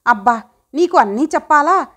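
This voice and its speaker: A woman's voice: high-pitched, lively intonation, moderate pace, fairly bright tone, voice pushed up. Woman voicing a sulky, sarcastic teenage boy. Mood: resentful. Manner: sullen, sarcastic talk.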